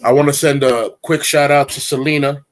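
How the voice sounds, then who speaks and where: A man's voice: mid-range voice, fairly even intonation, normal speed. A man in his forties hosting a casual chat, talking in a rambling, candid, streetwise way. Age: 40s. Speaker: host.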